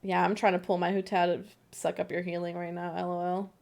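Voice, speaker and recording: Her fairly low, gravelly voice is a little mellow and a little fast, with a flat delivery, as this livestreamer trades bubbly, giggly banter with her co-op partner over gameplay.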